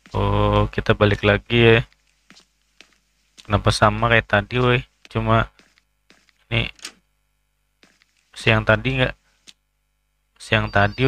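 Here a man with a fairly low, gravelly but fairly bright voice gives casual let's-play commentary on a horror game. A gaming YouTuber, he stays chatty, keeps speaking to his viewers, jokes around and startles easily.

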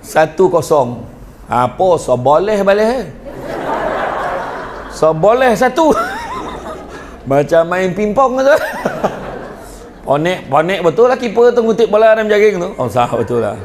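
Lively middle-aged preacher with a Negeri Sembilan accent. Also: male voice, measured pace, pauses often, noisy background. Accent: Negeri Sembilan Malay. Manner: animated storytelling with jokes and sudden drops to a low, earnest tone. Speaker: religious lecturer. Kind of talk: humorous religious lecture to parents and teachers. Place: school event before a live audience.

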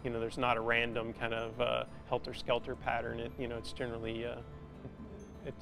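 In a large indoor metal workshop, a sculptor speaks to a documentary interviewer through a lapel mic, his gravelly, medium-pitched voice staying even. He pauses and hesitates as he thinks, peppering his casual speech with "you know," while instrumental music runs underneath.

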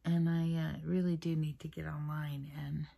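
A woman vlogger chatting casually through her makeup routine in a soft, half-whispered, rambling way, recorded at her mother's place on the camera's own mic without a separate microphone. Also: deep voice, level tone, moderate pace, vocal fry. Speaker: beauty vlogger. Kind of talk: casual get-ready-with-me makeup chat. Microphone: built-in camera mic, no separate mic.

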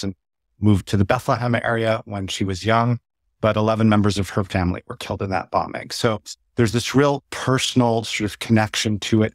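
Low-voiced man on a video call. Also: no room sound. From San Diego, USA. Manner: direct, matter-of-fact storyteller. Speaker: guest, peace organization president. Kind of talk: virtual interview. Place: home room with plants and window. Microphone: webcam close up.

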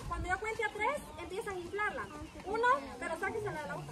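A woman's voice: extremely high pitch, quick pace. A woman hosting children's games at an outdoor event, giving directions and coaxing kids to join in. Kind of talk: animated game hosting. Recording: loud crowd noise outdoors.

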